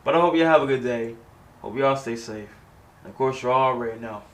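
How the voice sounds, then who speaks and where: A man's voice: medium pitch, brisk. A man hosting a reaction video, chatting casually and animatedly, repeating words and breaking into exclamations.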